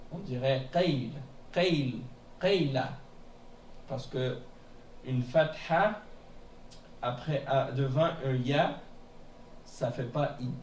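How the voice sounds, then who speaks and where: A man teaching a beginners' class in a mosque classroom, explaining patiently and repeating words slowly, often checking with "hein?". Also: on the high side, darkish tone. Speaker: Arabic teacher. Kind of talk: classroom lesson. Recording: echoey room from a distance, faint noise.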